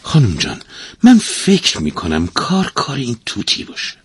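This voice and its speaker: A man's voice: mid-range voice, huge pitch swings, fairly bright tone, slightly rough, no echo, pitched above the performer's own voice, full character voice. Man putting on a timid young maid. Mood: deferential. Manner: pleading, deferential.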